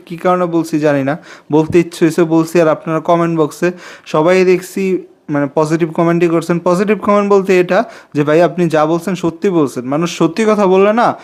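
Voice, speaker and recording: Young male vlogger, twenties, slightly high voice, rambling, confiding to camera. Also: a little mellow. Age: 20s. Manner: chatty and confiding, repeats himself, pleads for subscribers. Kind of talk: casual talking-to-camera vlog.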